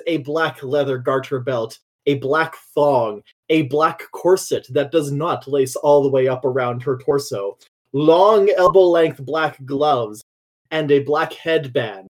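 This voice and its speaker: A man with a slightly high voice plays a tabletop game. He describes his character theatrically, with big flourishes. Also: slow. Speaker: player. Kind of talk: casual tabletop role-play.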